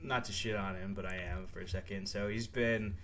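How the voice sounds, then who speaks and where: A man's voice: sits low, fairly even intonation, a little fast, a bit bright, slight background noise. Young man rambling about football. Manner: rambling, laughs often, many fillers. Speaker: podcast co-host. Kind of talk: casual sports chat.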